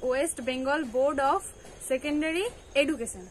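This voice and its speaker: Student girl, high voice, just says the word back quietly, bit of hiss. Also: normal speed. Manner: short quiet answers repeating the word.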